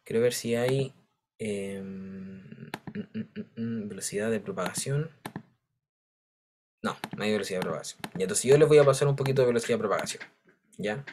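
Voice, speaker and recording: A man's voice: on the low side, brisk, pauses often, darkish tone, a little hiss or hum. Man, teacher, patient step-by-step explaining, frequent check-ins. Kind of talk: online class lecture.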